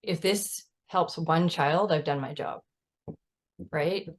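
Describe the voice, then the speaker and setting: A woman's voice: sits low, slow pace. A mother of a child with type 1 diabetes, talking earnestly and emphatically in a casual chat over a video call, often adding "right?". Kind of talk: casual conversational storytelling.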